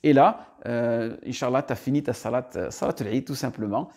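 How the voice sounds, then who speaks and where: A man's voice: medium pitch, moderate pace, darkish tone. A man teaching prayer steps one by one, talking straight to the listener with frequent "d'accord" and "très bien" check-ins. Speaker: religious teacher. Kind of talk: step-by-step prayer instruction.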